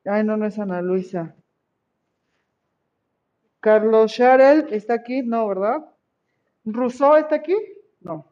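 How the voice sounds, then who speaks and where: A woman's voice: mid-range voice, slow pace, long pauses, lo-fi sound. A woman teaching an online class, encouraging her pupils and checking in with them often.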